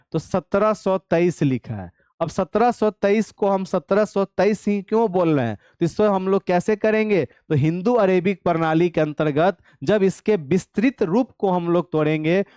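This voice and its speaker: Man, math teacher, quizzing the class, fairly high voice, smooth tone, dry close mic, slightly dull audio. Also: a little mellow, dry recording. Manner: explains step by step with rhetorical questions. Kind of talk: live online math class.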